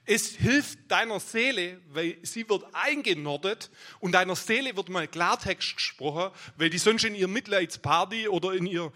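A man's voice: sits high, expressive, normal speed, bright, forceful tone. A man preaching a sermon, crying out emphatic declarations, then explaining in a loose, conversational way.

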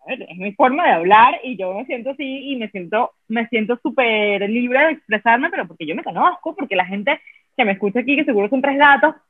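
A woman's voice: fairly high pitch, lively intonation, brisk, breathy edge, no room sound. Frank woman, phone-like podcast sound. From Venezuela. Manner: frank, rambling, full of fillers. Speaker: podcast host. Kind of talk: casual podcast chat.

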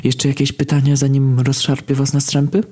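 A man voicing a cold, scornful female villain who speaks calmly and dismissively in a story reading. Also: mid-range voice, normal speed, natural voice. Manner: calm, dismissive.

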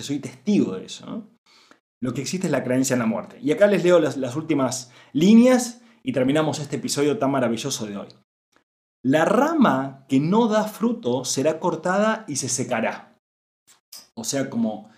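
A man's voice: medium pitch, dark tone, roomy sound. A man in his thirties with an Argentine Spanish accent, giving an earnest, searching spiritual talk as a podcast host, with many fillers and asides. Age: 30s.

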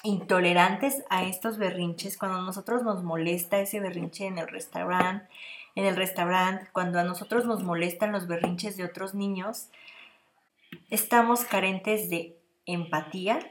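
A woman's voice: on the low side, steady tone, a little slow, noisy background. Woman, podcast host; earnest, direct-address parenting advice with repeated phrasing. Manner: earnest, speaks straight to the listener, repeats phrases for emphasis. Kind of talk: casual advice monologue.

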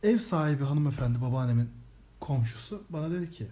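A young man co-hosting a podcast, telling childhood stories in a casual, animated way and swearing freely. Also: a little high, quick pace. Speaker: podcast co-host. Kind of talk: casual comedic chat.

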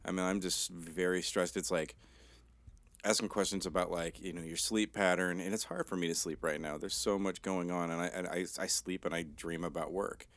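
A man in his thirties with a rough, tired-sounding voice, chatting as a podcast co-host in a laid-back, joking way. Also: deep voice, steady tone, normal speed, a bit bright, dry recording. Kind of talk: casual chat.

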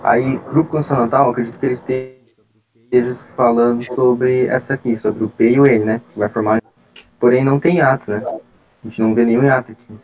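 A man's voice: mid-range voice, little pitch movement, normal speed, darkish tone. A man, leading a study group and patiently explaining exam questions step by step over a video call. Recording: dull lo-fi call audio.

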